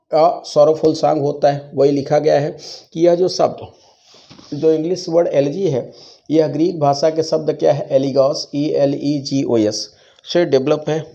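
A man's voice: fairly high pitch, gravelly, dark tone. A man teaching English literature in a classroom lecture, mixing Hindi and English and answering his own questions. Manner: dictates slowly, repeating key phrases. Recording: dull lo-fi classroom recording.

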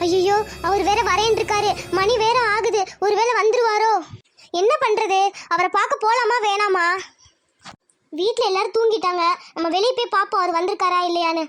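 Woman voicing squeaky timid village girl Tamil. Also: steady tone, normal speed. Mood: anxious. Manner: anxious, hushed and pleading. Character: timid young village woman in love, fearful. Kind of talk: cartoon voice acting.

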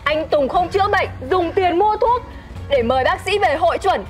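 A woman's voice: very high-pitched, lively intonation, moderate pace, soft background music. A woman acting a firm young doctor who scolds a cruel wife, in a web skit drama. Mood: reproachful. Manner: firm, reproachful. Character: stern young female doctor. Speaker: actor.

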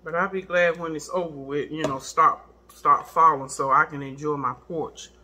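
A middle-aged woman with a very bright, forceful voice, chatting casually over her food. She chews while talking and speaks in a folksy, expressive manner, repeating words for emphasis. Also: sits low, moderate pace, a little hiss or hum. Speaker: mukbang video host. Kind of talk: casual chat while eating.

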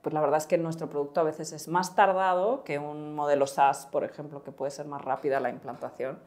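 A woman from Spain speaks in a lowish voice with a Spanish accent picked up with Mexican expressions. She talks casually as a startup founder in an interview, circling her points with fillers and "you know?" tags. Her speech runs loose and conversational. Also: steady tone, a little fast, darkish tone. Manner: rambling, frequent fillers and tag questions. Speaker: startup cofounder guest.

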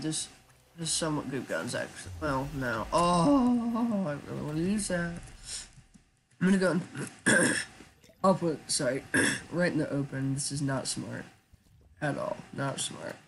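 A man giving casual live commentary while he plays a shooter game, talking in a flat, chatty way with lots of ums. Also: fairly high pitch. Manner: self-described monotone, chatty, with frequent ums. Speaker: gaming YouTuber.

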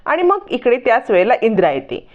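A woman narrates a TV serial episode in a lively storytelling way, stepping into each character's lines as she goes. Her voice sits a little high, and the sound is narrow and thin like a phone line. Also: fairly quick. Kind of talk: storytelling recap with acted quotes.

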